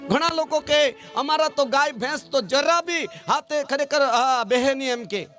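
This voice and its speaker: A man's voice: very high-pitched, unhurried, soft background music. A man preaching a sermon as pastor with a Gujarati accent, calling out to the congregation and slipping into a sung delivery. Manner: animated call-and-response preaching, sometimes sung.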